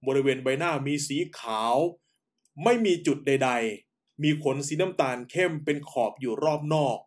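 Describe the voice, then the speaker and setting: A man hosting and narrating in a calm, unhurried radio style, using polite particles as he tells a story. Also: medium pitch. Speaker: host.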